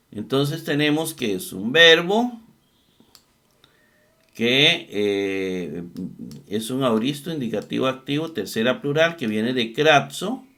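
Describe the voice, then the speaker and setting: Slow gravelly guy teaching greek grammar, goes step by step, says every word twice. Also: medium pitch, pushed and bright. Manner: methodical, repeats and spells out terms, thinks aloud with fillers. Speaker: Bible exegesis teacher. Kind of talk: slow screen-share lesson on Greek grammar.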